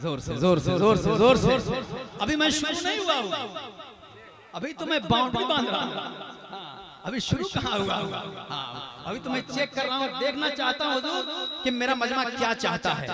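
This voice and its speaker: A man's voice: very high voice, sing-song, moderate pace, long pauses. A man reciting and singing a devotional naat at a poetry gathering, urging the crowd to respond and joking with them between verses. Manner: calls on the crowd to answer, joking asides. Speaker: naat poet performing at a mushaira. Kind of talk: sung naat recitation with spoken banter.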